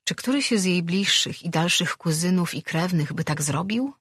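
A woman narrating an audiobook in an even, measured storytelling manner. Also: lowish voice, breathy edge, no echo, studio quality. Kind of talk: scripted narration.

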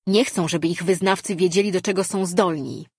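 A haughty, domineering male voice that speaks from inside another man and hands down stern warnings about the gods, as a woman reads him out, slightly husky and close on a dry mic. It stays cold and superior throughout. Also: on the low side, brisk, darkish tone, no room sound. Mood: arrogant. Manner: imperious, haughty. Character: arrogant commanding male spirit voice.

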